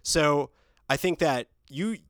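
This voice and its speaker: A man's voice: on the high side, slow pace, a bit bright, dry recording, studio quality. Chatty man telling a rambling story. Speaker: podcast co-host. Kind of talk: casual chat.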